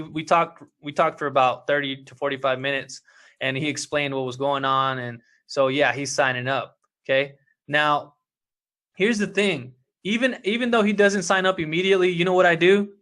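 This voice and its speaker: A man coaching his team in an emphatic, energetic way, often saying "look" and "okay". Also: a little high. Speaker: team leader coaching members. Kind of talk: motivational sales coaching talk.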